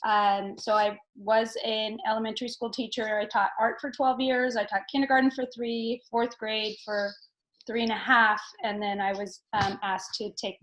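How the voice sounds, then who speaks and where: A woman's voice: on the high side, little pitch movement, moderate pace, fairly bright tone, poor audio. A woman, a former teacher now a school district design engineer, answering questions on a video call in a friendly way.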